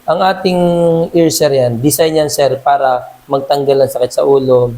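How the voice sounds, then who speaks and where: A man working as a massage therapist, talking a client through a treatment in a calm, reassuring way and calling him sir at every turn. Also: medium pitch, normal speed, a little hiss or hum, rough recording. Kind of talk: casual instruction during a hands-on treatment.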